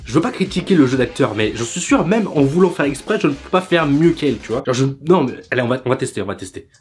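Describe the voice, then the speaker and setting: A man's voice: medium pitch, very animated, fast. A man giving sarcastic, joking reaction commentary as a YouTuber, over faint music.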